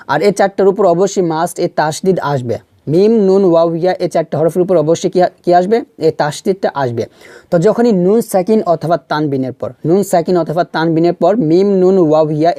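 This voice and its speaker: A man with a high-pitched but dark-toned voice gives a step-by-step Quran recitation lesson in a dry space with no room sound. Patiently, he repeats syllables and sounds slowly to demonstrate pronunciation, posing questions and answering them himself.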